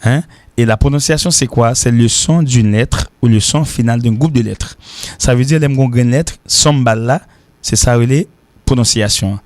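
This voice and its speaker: A man hosting a radio English lesson, repeating words slowly as pronunciation drills. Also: mid-range voice, darkish tone, no room sound. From Haiti. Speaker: English teacher.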